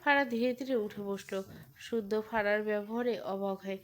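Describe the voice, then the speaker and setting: A woman narrating a romantic audio story with expressive storytelling. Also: medium pitch, moderate pace.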